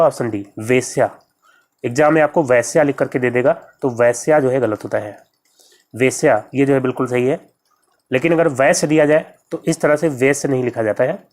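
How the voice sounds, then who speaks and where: A man's voice: mid-range voice, darkish tone. A man teaching an exam-prep grammar lesson, walking through each question step by step and repeating every answer and spelling.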